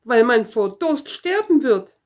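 A woman's voice: a little high, very animated, unhurried, a little mellow. A woman voicing a thirsty, stranded pilot who sounds weary and worried in a storybook read-aloud.

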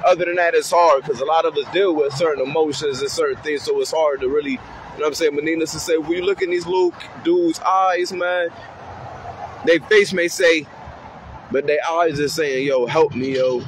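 A man's voice: a little high, fairly even intonation, normal speed. A man speaking casually and from the heart about mentoring kids, outdoors on a city street. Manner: heartfelt, slangy, acts out kids' voices. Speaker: community outreach speaker. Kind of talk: casual street talk to camera. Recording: faint street noise outdoors.

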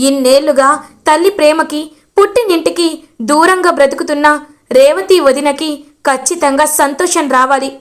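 A woman voicing an earnest young wife who calmly pleads and explains. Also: high-pitched, moderate pace, natural voice.

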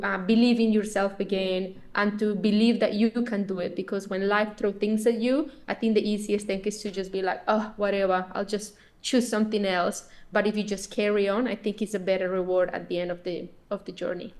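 A woman's voice: mid-range voice, little pitch movement, moderate pace, hardly any pauses, darkish tone. A woman, talking earnestly and reflectively as a podcast guest. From Colombia. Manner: earnest, reflective, with frequent restarts. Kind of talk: podcast interview.

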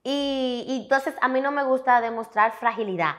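A young woman with a Dominican Spanish accent, a guest telling her story in a candid, emphatic, animated way. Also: high voice, moderate pace. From Dominican Republic. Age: young adult. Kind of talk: candid interview talk.

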